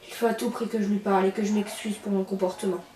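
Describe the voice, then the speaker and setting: A woman playing a remorseful girl who speaks softly and sincerely to her best friend. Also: medium pitch, level tone, fast, distant mic, close to an everyday voice. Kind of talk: amateur film acting. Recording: echoey room, off-mic.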